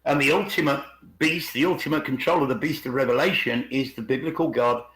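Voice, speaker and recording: Speaking a little fast in a medium-pitched, fairly bright voice, a man presents informally with commentary over a video call. As a video channel host, he tends to ask rhetorical questions and repeat phrases for emphasis. The video call audio sounds echoey.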